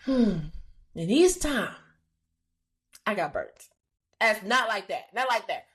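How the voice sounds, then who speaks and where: A woman's voice: mid-range voice, very animated, slow pace. A woman hosting a faith-based podcast, talking casually and expressively, laughing often and dropping slangy asides. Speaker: podcast host.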